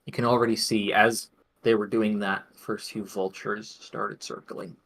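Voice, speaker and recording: A man's voice: lowish voice, flat delivery, normal speed, creaky, a bit bright. A man narrating a tabletop game as game master, chatty, with frequent laughs and many fillers.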